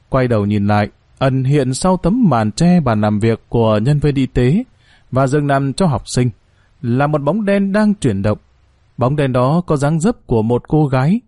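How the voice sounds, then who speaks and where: A man's voice: medium pitch, dark tone, no echo, studio quality. A man narrating a horror story in a dramatic, suspenseful way.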